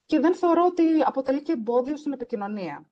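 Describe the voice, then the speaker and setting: A woman's voice: sits high, expressive, a little mellow, lo-fi sound, a little hiss or hum. A woman hosting a casual podcast conversation, talking earnestly and emphatically and slipping English words into her speech. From Greece. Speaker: French teacher and podcast host.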